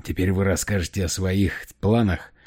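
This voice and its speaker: A male audiobook reader voicing an angry, commanding leader who speaks forcefully and accusingly. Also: low voice, fairly even intonation, normal speed, husky. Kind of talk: audiobook character voice.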